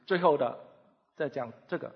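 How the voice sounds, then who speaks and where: Guy translating a sermon live, pretty high raspy voice, short phrases, boomy muffled hall. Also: normal speed. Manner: echoes the preacher in short phrases. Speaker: sermon interpreter. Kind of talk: live consecutive interpreting of a sermon. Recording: dull, reverberant hall sound.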